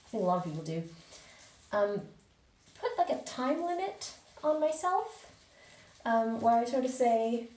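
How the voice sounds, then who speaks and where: A woman talks casually to her viewers at a slow, easy pace, with conversational asides. Her voice sits at a medium pitch and bounces off the hard walls of a bathroom. The microphone is a little way off, so the sound is roomy and echoey. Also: sing-song, darkish tone. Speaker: vlogger. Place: small indoor bathroom. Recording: echoey bathroom, distant mic.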